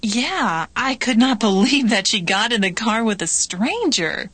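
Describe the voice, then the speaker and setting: A woman reading scripted practice dialogues for a language lesson in a clear, measured way. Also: on the high side, lively intonation, a bit bright, dry recording.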